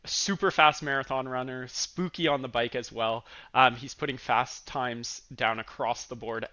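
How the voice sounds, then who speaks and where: Upbeat male co-host with a bright, sharp tone, dull lo-fi recording. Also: medium pitch. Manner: upbeat and admiring, with "um" fillers. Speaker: podcast co-host. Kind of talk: casual podcast hosting.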